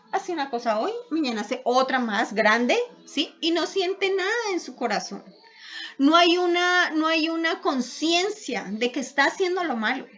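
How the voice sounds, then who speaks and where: High-voiced woman preaching a sermon, lo-fi. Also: a bit bright. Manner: earnest preaching with rhetorical questions, voice dropping for prayers. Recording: dull lo-fi recording.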